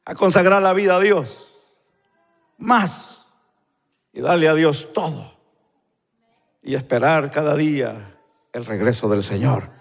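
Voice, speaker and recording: A man preaching a sermon, swinging between loud preaching and quiet asides. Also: on the high side, takes it slowly, vocal fry, pauses often. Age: 50s. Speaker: pastor. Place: church sanctuary. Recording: live church recording with long reverb.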